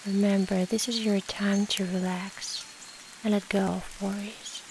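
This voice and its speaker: A woman with a mid-range voice guides a slow meditation, speaking softly, soothingly, and in a measured way, with long pauses and breathy endings. Steady rain and nature ambience sound behind her voice.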